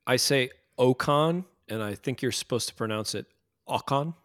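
A man's voice: fairly low pitch, steady tone, fast, a bit bright, no room sound, clean studio sound. An American man hosting a casual podcast chat, joking and steering the talk. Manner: joking, leads the conversation. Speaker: podcast host.

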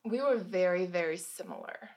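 A woman's voice: lowish voice, animated, normal speed, a little mellow. A woman in her thirties from Germany, a guest author casually telling stories about her life and laughing between anecdotes. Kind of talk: casual storytelling.

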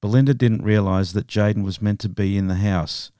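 A man hosting a podcast, narrating a true crime story in a steady, measured way. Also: on the low side, no room sound, studio quality. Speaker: podcast host.

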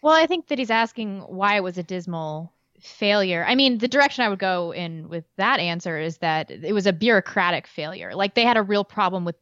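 A woman's voice: mid-range voice, very animated, brisk, a bit bright, dry recording, dull audio. A woman co-hosting a call-in show, bantering and teasing in casual chat. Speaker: co-host.

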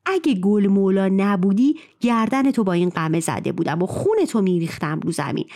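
A woman storyteller voicing a poor, quick-tempered male cobbler who brags loudly. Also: mid-range voice, lively intonation, lightly acted. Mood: boastful.

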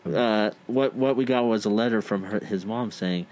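A man's voice: lowish voice, moderate pace, darkish tone. A man chatting casually, telling anecdotes and quoting friends in a playful raised voice. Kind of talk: casual chat.

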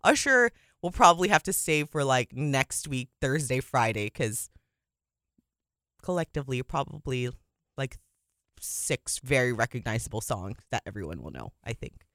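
A chatty woman co-hosts a sports talk show, laughing easily and letting her voice leap up high when a point excites her. She speaks close to the mic in a dry studio. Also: moderate pace, no room sound. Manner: chatty, laughs often, animated swings in pitch.

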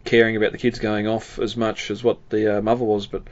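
A man's voice: lowish voice, flat delivery, brisk, muffled recording. A man co-hosting a casual film podcast, rambling with lots of fillers and frequent chuckles. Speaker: podcast co-host.

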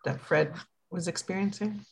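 A woman's voice: lowish voice, normal speed, vocal fry, breathy edge. A woman in casual discussion of a script.

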